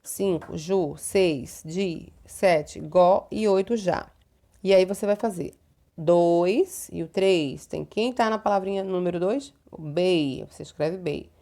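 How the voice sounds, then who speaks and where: A patient Brazilian woman teacher with a lower, warm voice and a Brazilian Portuguese accent walks young children through a recorded homework lesson. As a primary school teacher, she speaks slowly and didactically, drawing words out, with frequent diminutives and checking tags.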